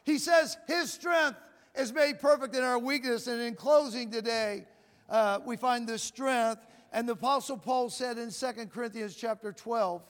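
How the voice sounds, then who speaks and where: At a moderate pace, a man preaches a sermon in a very high, piercing voice, loud and pushing toward shouting as he stumbles and repeats himself. Between lines he keeps asking "Amen?", and a long church reverb carries his voice over faint music.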